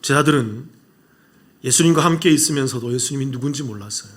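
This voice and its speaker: A man preaching a sermon as pastor, asking the congregation rhetorical questions and swinging between loud, rising appeals and hushed, low asides. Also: fast talker. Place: church sanctuary.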